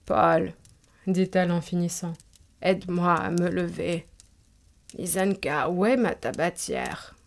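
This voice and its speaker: A woman voicing an old, haughty and capricious countess in a storybook reading, giving drawn-out commands. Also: fairly low pitch. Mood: imperious.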